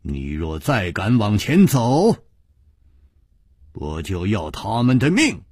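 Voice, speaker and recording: A man's voice: fairly low pitch, huge pitch swings, slow pace, darkish tone, breathy edge, no echo, studio quality, pitched below the performer's own voice, exaggerated voice. A male storyteller voicing a desperate villain who barks threats. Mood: threatening. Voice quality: threatening, barked.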